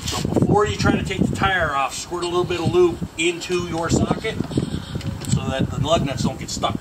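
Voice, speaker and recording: A homestead channel host in his forties runs a casual how-to demonstration in his garage, chatting and joking as he works. His high voice holds a steady tone at normal speed. The recording is noisy and echoey, with the mic set at a distance.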